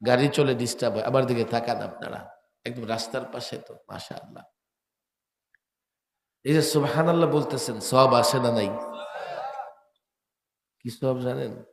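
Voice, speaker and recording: A man, delivering an outdoor sermon beside a road through a PA microphone, questioning the crowd and bursting into shouts. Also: mid-range voice, moderate pace, vocal fry, pauses often, slight background noise. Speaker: preacher. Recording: echoey PA sound in a reverberant space.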